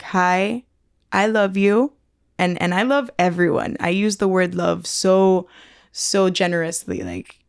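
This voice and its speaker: A woman talking candidly as a podcast guest about leading teams, blunt and open, with frequent "like" fillers and quick laughs. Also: lowish voice, smooth, no room sound, clean studio sound. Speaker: event leader and podcast guest. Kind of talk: casual interview conversation.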